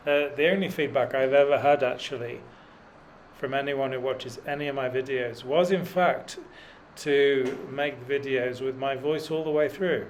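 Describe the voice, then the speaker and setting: Climbing a mountain road by bike, a middle-aged vlogger keeps up a self-deprecating, dryly humorous ramble laced with fillers. His medium-pitched voice holds a steady tone at normal speed, with a little hiss or hum on the recording.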